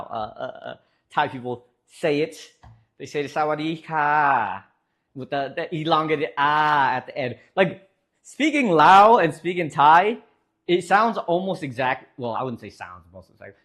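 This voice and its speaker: A man's voice: on the high side, fairly bright tone. A young man streaming live, chatting casually with viewers in a joking, rambling way with lots of fillers.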